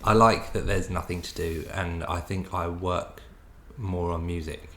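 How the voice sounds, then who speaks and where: A man's voice: sits low, steady tone, measured pace, a bit bright. A man, talking casually as a guest in an interview. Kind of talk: casual chat.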